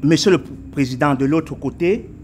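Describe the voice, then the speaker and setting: A man's voice: fairly high pitch, moderate pace, darkish tone, soft background music. A man acting as a prosecutor in a comedy courtroom sketch, speaking formally to the judge. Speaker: actor playing a prosecutor.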